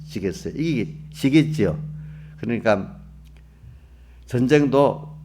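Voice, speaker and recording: A man's voice: on the low side, vocal fry, a little mellow, a little hiss or hum. A male pastor giving an early-morning sermon to his congregation. He talks in a conversational way, often asks his listeners questions, and acts out the inner voices of believers. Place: church.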